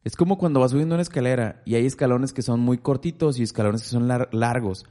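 Casting: man, animated storyteller, warm low-key tone, casual faith talk. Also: fast. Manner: animated storyteller, acts out quotes.

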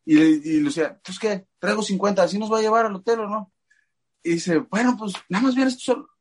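A middle-aged Mexican man with a Mexican Spanish accent, a father telling an animated story as a guest in a casual chat. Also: high voice, fairly quick. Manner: animated storyteller acting out quoted voices.

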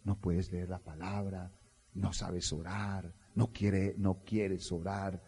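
A man's voice: deep voice, level tone, slow pace, warm tone, breathy edge. A middle-aged Colombian man preaching a rousing sermon as pastor, calling for responses from the congregation. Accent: Colombian Spanish. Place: church hall. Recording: long reverb of a church hall.

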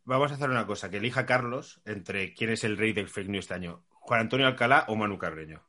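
A man's voice: fairly low pitch, fast, pushed and bright. A man with a Spain accent hosting a casual podcast conversation and moving it along. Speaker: podcast host.

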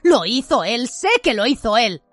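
A woman's voice: a little high, expressive, moderate pace, fairly bright tone, no echo, faint music behind. A woman reading aloud voices a furious, spiteful male teacher who bellows accusations. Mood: raging.

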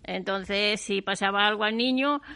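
A woman's voice: mid-range voice, normal speed, gravelly, pushed and bright. A woman on a radio chat, candidly recounting her own childhood. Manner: candid personal storytelling.

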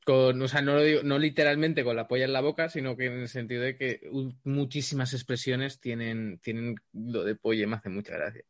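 A man's voice: medium pitch, steady tone, brisk, few pauses. A man from Cantabria, co-hosting a casual chat, amused and restarting his sentences often. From Cantabria, Spain.

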